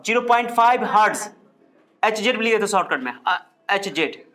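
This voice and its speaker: A man's voice: sits high, lively intonation, normal speed, sharp tone. Man drilling a class with questions. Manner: repeats key terms over and over. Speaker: physics teacher. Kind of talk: classroom lecture to students.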